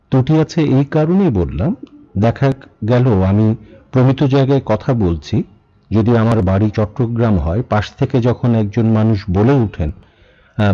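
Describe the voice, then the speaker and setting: A man from Bangladesh gives a spoken lesson, pausing often and asking his listeners rhetorical questions. His voice sits low and dark. The recording sounds dull and lo-fi. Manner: measured, with frequent pauses and rhetorical questions. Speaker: speaking teacher. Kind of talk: spoken lesson on standard pronunciation.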